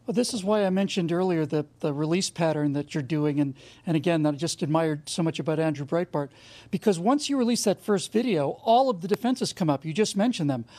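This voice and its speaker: A man's voice: sits high, a little mellow. A man hosting a talk show, interviewing his guest in an emphatic, conversational way. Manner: emphatic, admiring, builds points in long runs.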